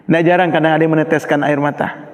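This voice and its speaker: A man's voice: on the high side, flat delivery, quick pace. A middle-aged man preaching a sermon to students, telling emotional personal stories and acting out the voices he quotes. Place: large mosque hall. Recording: echoey mosque hall, muffled recording.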